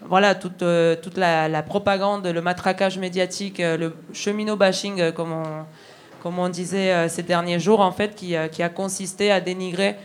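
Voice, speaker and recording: A woman's voice: on the low side, steady tone, normal speed. A woman from Argentina, a railway worker, speaking earnestly with lots of hesitations and restarts. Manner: many fillers and restarts, earnest. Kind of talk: hesitant spoken testimony.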